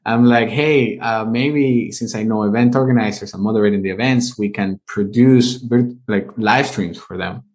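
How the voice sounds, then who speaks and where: Low-voiced man telling his story in an interview. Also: normal speed, hardly any pauses, darkish tone. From Venezuela. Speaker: guest, live streaming business owner. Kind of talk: casual interview talk.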